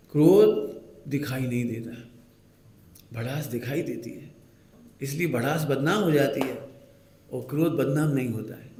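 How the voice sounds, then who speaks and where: A fairly high-voiced man delivers a lively sermon from India, slipping into scolding voices as he tells a family story. He keeps checking that his listeners follow. The sound rings around an echoey hall. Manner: lively storytelling, acting out scolding mother-in-law and child; asks the audience questions often. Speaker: Jain preacher.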